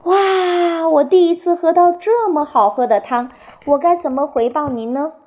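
A woman's voice: high-pitched, big pitch swings, moderate pace, dark tone, voice pushed up. A woman voicing a timid little boy hedgehog who stammers, reading a storybook aloud. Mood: eager.

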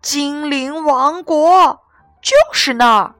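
A woman narrating a children's story in a gentle, expressive way. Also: high voice, slow, dry recording, soft background music.

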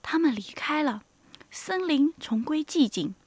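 Woman telling a children's story, high lively voice, dry close sound. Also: a little slow, no echo. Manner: expressive, soft asides.

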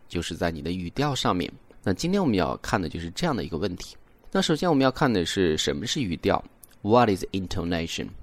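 A young man hosting an English lesson podcast, explaining patiently and demonstrating rising and falling intonation on example words. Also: fairly low pitch. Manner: explains slowly, demonstrates English intonation with exaggerated rises and falls. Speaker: English teacher and podcast host. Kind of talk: bilingual language lesson.

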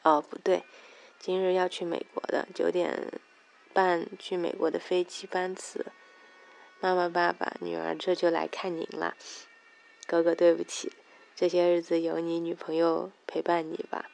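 A woman's voice: on the low side, monotone, normal speed, creaky, darkish tone. A woman voicing a spoiled, sulky teenage girl in a story she reads aloud. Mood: excited.

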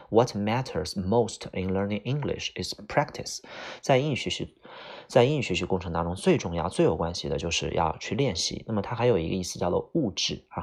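A man's voice: deep voice, creaky, slightly rough. A man teaching English vocabulary in Chinese, explaining each word patiently with example sentences and frequent filler particles. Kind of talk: vocabulary lesson.

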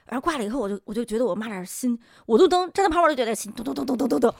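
A woman's voice: a little high, very fast, vocal fry, no echo, clean studio sound. A woman hosting a podcast, telling a story in casual chat and acting out the voices she quotes. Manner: animated, laughs often, acts out quoted voices. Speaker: podcast host.

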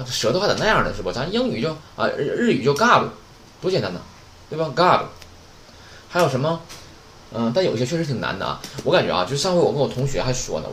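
A man teaching a Japanese vocabulary lesson, chatty and joking, often asking rhetorical questions. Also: medium pitch. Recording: roomy echo, faint background noise.

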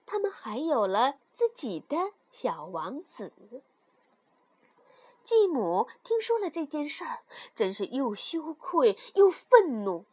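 A woman storyteller reading a fairy tale aloud in expressive, scripted narration. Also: fairly high pitch, dry recording.

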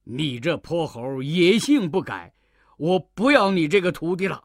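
A woman voicing a stern, indignant old male monk in a children's storybook reading, slow and scolding. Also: deep voice, expressive, no room sound, clean studio sound, exaggerated voice.

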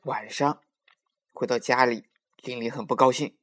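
A man narrating a children's story in a gentle, expressive storytelling voice. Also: medium pitch, unhurried.

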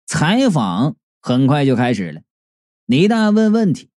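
A man reading a comic audio novel aloud, lively and jokey with quick asides. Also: a little high, dry recording, studio quality. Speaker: storyteller.

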